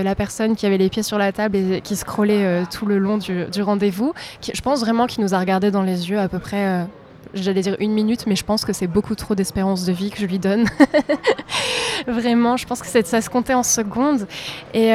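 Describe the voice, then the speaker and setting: A woman's voice: mid-range voice, a little mellow. A young woman from south-east France, a singer-songwriter, answering interview questions in a conversational way.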